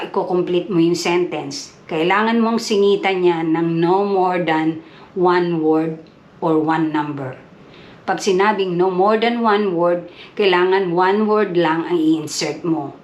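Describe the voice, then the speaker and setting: A woman with a slightly low voice explains things slowly and patiently in a casual vlog, mixing English terms into Tagalog and leaning on fillers. Her voice. It is recorded in an echoey room with faint background noise. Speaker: vlogger explaining an English test.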